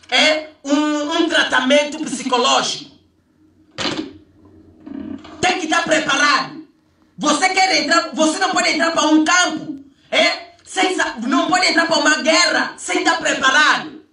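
A man's voice: very high-pitched, normal speed, vocal fry, sharp tone. A man in an emphatic, mocking monologue, firing off repeated rhetorical questions. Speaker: vlogger. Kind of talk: ranting monologue. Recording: echoey room, far from the mic.

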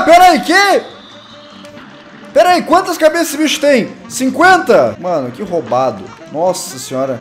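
A young man with a Brazilian Portuguese accent, excitedly commentating his own gameplay, yelping and exclaiming at every hit. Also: high voice. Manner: excitable, yelps and exclaims constantly, self-mocking. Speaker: gaming channel host. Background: faint game music.

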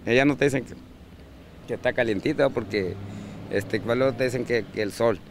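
A man tells a casual interview story. He rambles, with many fillers and restarts. His voice is gravelly over faint outdoor noise. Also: medium pitch, brisk. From Mexico. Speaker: street fish vendor.

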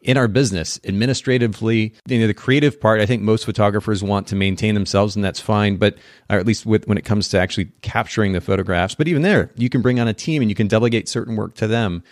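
A man's voice: lowish voice, fast, few pauses, dry recording, clean studio sound. A man hosting a podcast interview, thoughtful and conversational, often repeating words as he restarts his sentences. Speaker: podcast host.

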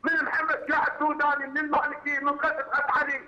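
Furious Iraqi caller on a phone line. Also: male voice, very high voice, level tone, racing, sharp tone. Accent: southern Iraqi Arabic. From Iraq. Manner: heated, repetitive, stumbling over words. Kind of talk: angry phone-in rant. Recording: muffled phone line with hall reverb.

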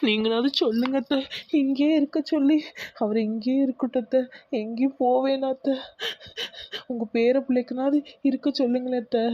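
A woman's voice: high-pitched, steady tone, moderate pace, dry recording, muffled recording. A woman playing a tearful young wife. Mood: pleading. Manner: pleading, sorrowful.

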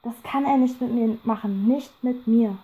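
A woman's voice: a little high, normal speed, mellow, close to an everyday voice, low-quality recording. A woman voicing a desperate, furious teenage schoolgirl who pleads and then turns bitter and hateful.

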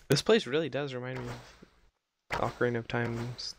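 A man's voice: mid-range voice, background noise. A man chatting casually over a let's-play game, easygoing and curious. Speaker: gameplay commentator.

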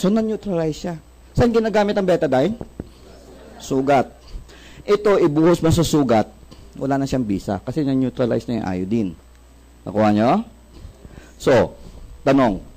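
A Filipino man with a notably high voice and very lively, swooping intonation leads a seminar for a live audience. He quizzes the room, answers his own questions and drops in jokes. English phrases run through his talk. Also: low-quality recording. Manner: asks the audience questions and answers them himself, joking, mixes English in. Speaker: product presenter.

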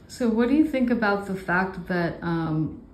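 A woman's voice: medium pitch, animated, a little slow, roomy sound, slight background noise. A woman interviewer asking questions in a casual way, often using fillers such as "like" and "um". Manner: casual, filler-heavy phrasing.

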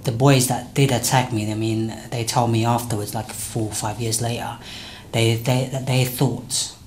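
A man in his late twenties from England, speaking quietly and haltingly in an interview indoors. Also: mid-range voice, little pitch movement. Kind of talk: recounting a past attack in an interview. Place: indoors at a youth project.

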